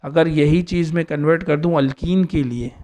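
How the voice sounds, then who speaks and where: A man's voice: fairly high pitch, steady tone, moderate pace, mellow. A man teaching an organic chemistry lesson, explaining step by step and often checking in with his students. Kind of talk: classroom lecture.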